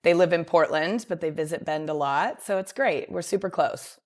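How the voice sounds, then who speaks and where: A woman's voice: fairly low pitch, moderate pace, darkish tone. A woman from Oregon as a podcast guest, talking candidly from her home and laughing easily. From Oregon, USA. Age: adult with a nephew and niece. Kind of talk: podcast interview.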